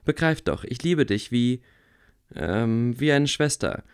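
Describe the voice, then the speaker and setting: A man reading aloud, voicing a calm, wry blind boy wizard who speaks quietly. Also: mid-range voice, takes it slowly, clean tone. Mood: earnest. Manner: quiet, level.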